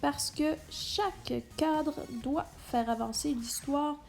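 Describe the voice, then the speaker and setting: In an instructional video, a teacher with a high-sitting, gravelly, darkish voice explains a lesson to students at a slow pace. She speaks directly to the listener and stresses key words, with faint music behind her.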